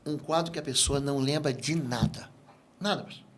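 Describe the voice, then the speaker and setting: A man with a Brazilian Portuguese accent, a guest pastor teaching in an interview and telling stories with lively acted-out dialogue. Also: medium pitch, a little fast, a little hiss or hum. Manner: animated storyteller who acts out quoted dialogue. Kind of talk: interview, teaching on spiritual matters.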